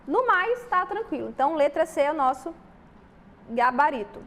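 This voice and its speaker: High-voiced Brazilian woman teaching grammar. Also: sing-song, normal speed, a bit bright, slight background noise. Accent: Brazilian Portuguese. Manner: explains step by step, with frequent "tá?" check-ins. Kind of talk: exam-prep grammar lesson.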